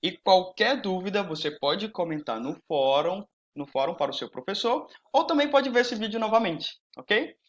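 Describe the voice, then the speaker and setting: A young man, teaching a recorded Portuguese lesson slowly and patiently, repeating and spelling out words. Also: high voice, muffled recording. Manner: lively up-and-down intonation. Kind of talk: recorded online language lesson.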